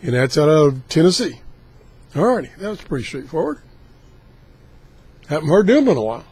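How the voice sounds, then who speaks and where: A man casually demonstrating radio scanning, haltingly thinking aloud as he goes. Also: a little high, big pitch swings, a little mellow, slightly rough. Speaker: radio hobbyist host.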